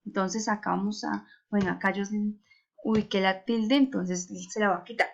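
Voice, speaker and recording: A woman's voice: medium pitch, steady tone, moderate pace, vocal fry, highs cut off. A woman teaching a remote lesson to young children, patiently asking rhetorical questions and drawing out words to stress their syllables. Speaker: primary school teacher.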